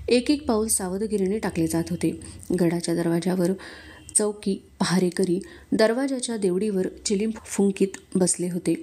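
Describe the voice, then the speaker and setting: A woman narrating a historical novel aloud in a steady storytelling manner. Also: fairly low pitch. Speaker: audiobook reader.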